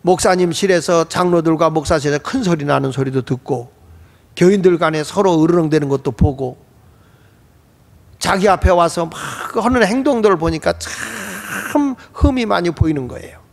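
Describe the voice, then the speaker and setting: High-pitched gravelly preacher, echoing hall. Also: male voice, normal speed. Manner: emphatic, swelling to exclamations. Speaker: pastor. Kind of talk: sermon. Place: church sanctuary. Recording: echoey church hall.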